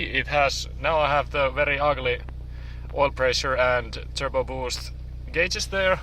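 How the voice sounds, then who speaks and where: A man with a Finnish accent gives a casual, offhand car-hobby vlog. His pitch is average to slightly high for a man, and clear vehicle noise runs around his informal, mildly sweary talk. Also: bright, forceful tone, low-quality recording. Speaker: car hobbyist video host. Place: in a car on a parking lot.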